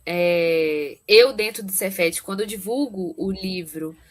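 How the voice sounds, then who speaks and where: Uma mulher que media um clube do livro numa chamada de vídeo, convidando os outros a falar com cordialidade. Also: female voice, medium pitch, unhurried. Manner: friendly, inviting others to speak. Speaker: book club mediator. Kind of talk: casual meeting talk. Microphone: video call.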